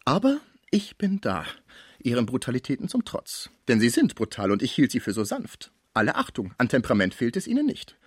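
A man's voice: huge pitch swings, brisk, a little mellow, slightly rough, no echo, clean studio sound. A man reading a novel aloud, voicing a scheming, melodramatic middle-aged female concierge. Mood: wheedling. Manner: shrill, wheedling and melodramatic. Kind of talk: audiobook character voice.

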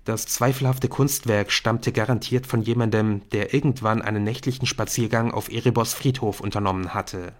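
A man narrating an audiobook in an expressive storytelling manner. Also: lowish voice, normal speed, hardly any pauses.

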